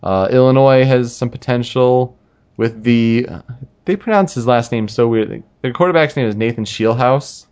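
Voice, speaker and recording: A man co-hosting a casual sports talk show, making relaxed, talkative predictions about college football. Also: mid-range voice, normal speed, clear, resonant tone. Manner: relaxed, talkative, spells out names. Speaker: sports podcast co-host.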